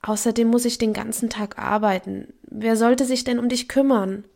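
A woman voicing a gentle, guilty father who speaks softly and sighs as he says goodbye to his daughter in an audiobook. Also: very high-pitched, steady tone, moderate pace, vocal fry. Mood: resigned. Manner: soft, sighing, apologetic.

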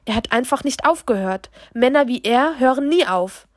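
A woman voicing a distraught mother who confesses through tears, halting and stammering. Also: high-pitched, lively intonation, no room sound, clean studio sound, voice pushed up. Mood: bitter, angry.

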